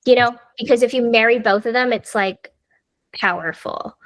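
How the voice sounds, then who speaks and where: An American woman appears as a podcast guest in a casual conversational interview, chatting with lots of fillers like "like" and "you know." Her voice is a little high, at a moderate pace, with no room sound.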